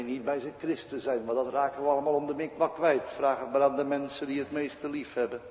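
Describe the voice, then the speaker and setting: A man's voice: mid-range voice, a little mellow. A male pastor preaching a sermon in a church, speaking emphatically and asking rhetorical questions. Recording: dull echoey church recording.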